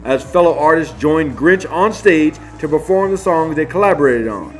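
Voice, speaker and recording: Man, scripted news narration, upbeat voice-over, slightly high voice, faint music underneath. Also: animated, normal speed. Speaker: show host narrator.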